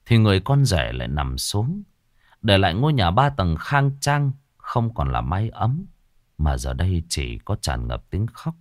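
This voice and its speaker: A man with a low voice narrates a ghost story in a dramatic, scripted reading. His pitch rises and falls widely as he lingers over gruesome details, and faint music plays quietly underneath. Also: no echo.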